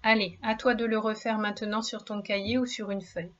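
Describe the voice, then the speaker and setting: A woman's voice: medium pitch, fairly even intonation, a little fast, dull audio. A woman teaching a children's reading lesson, speaking patiently and encouragingly and stretching out each word and syllable. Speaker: primary school reading teacher. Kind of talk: slow, clearly articulated reading lesson for young children.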